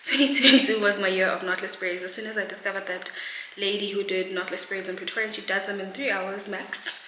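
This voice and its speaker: A woman's voice: mid-range voice, fairly even intonation, quick pace, bright, forceful tone. A young South African woman, a realtor, chatting casually on her vlog, laughing often and slipping in Zulu words. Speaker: realtor vlogger. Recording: echoey rooms with clear noise behind.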